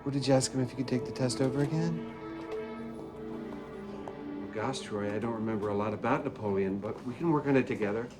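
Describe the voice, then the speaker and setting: An actor playing a caring, plain-spoken police lieutenant in a thriller film. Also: male voice, mid-range voice, brisk, long pauses, music in the background, lightly acted. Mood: gentle. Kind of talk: film drama dialogue.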